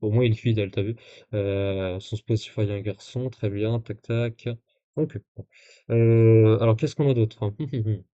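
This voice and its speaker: A man's voice: fairly low pitch, fairly even intonation, measured pace, mellow, dull audio. Casual man streaming, sarcastic and rambling. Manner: casual, rambling with many fillers and self-corrections. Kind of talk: live stream commentary reading messages.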